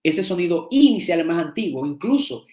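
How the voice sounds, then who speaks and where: A man's voice: on the high side, sing-song, brisk, warm tone. Guy teaching a seminar off slides, keeps repeating himself and asking ok?, roomy echoey sound. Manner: repeats words and restarts often, checks in with "¿ok?". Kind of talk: lecture explaining slides. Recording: echoey room.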